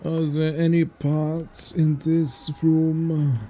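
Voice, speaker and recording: A man's voice: a little high, completely flat delivery, extremely slow, warm tone. A man playing a co-op game with a friend, joking around and swearing in mock outrage. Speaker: streamer's co-op partner. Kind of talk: casual gaming chat.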